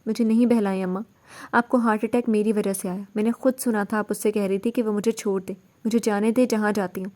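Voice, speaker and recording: A woman's voice: medium pitch, fairly even intonation, a little mellow, lightly acted. A woman reading the part of a distraught young wife who pleads insistently. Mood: tearful.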